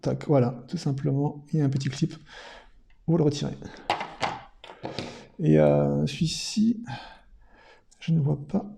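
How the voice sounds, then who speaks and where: A product reviewer talks through an unboxing, his voice slightly high-set yet very mellow and dark, with a creaky edge. The unscripted commentary is casual and hesitant as he thinks aloud, keeping a steady tone at a measured pace with long pauses.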